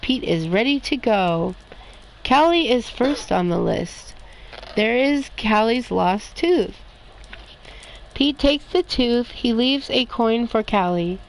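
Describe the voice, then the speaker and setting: A woman reading children's picture books aloud in a slow, expressive storytime manner. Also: a little high, slight background noise, poor audio. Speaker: storybook reader.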